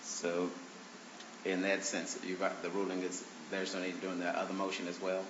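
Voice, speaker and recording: Speaking in a deep monotone, a man representing himself argues his motions to a judge, stumbling over fillers and starting sentences over, sounding stuffed up from allergies. The recording, from a stand-mounted courtroom mic, is roomy and dull with a faint hiss.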